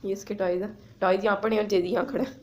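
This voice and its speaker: A woman's voice: mid-range voice, steady tone, racing, low-quality recording. A woman filming a casual home vlog on her phone camera in her kitchen. She chats to her viewers as friends and coos at a small child. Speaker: family vlogger.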